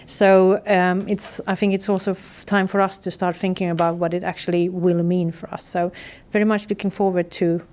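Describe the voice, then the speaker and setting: A woman's voice: fairly low pitch, flat delivery, normal speed, few pauses, darkish tone. A woman organizing an event, giving friendly, rambling welcome remarks with many fillers.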